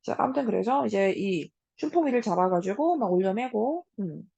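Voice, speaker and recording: A woman teacher giving a casual lecture on a classic story, talking straight to her students with many soft hums between points. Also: mid-range voice, animated, moderate pace, creaky, slightly rough, dry recording, highs cut off. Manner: casual, talks to students as 얘들아 with frequent hums.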